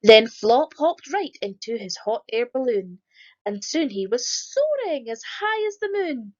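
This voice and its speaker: A woman reading a rhyming children's picture book aloud in a lively, sing-song storytelling manner. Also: on the high side, unhurried, highs cut off. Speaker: storybook reader.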